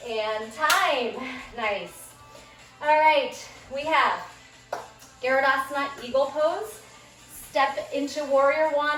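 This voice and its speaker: Breathless and upbeat, a woman leads a workout class in a cramped space with quick exercise cues. She speaks in a high, slightly bright voice. The recording carries room echo, distant miking and background music.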